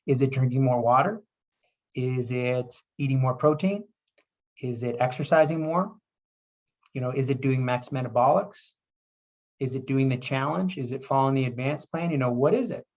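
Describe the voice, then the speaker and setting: A man, a chiropractor, giving a motivational health talk with energetic, repetitive urging. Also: medium pitch, moderate pace.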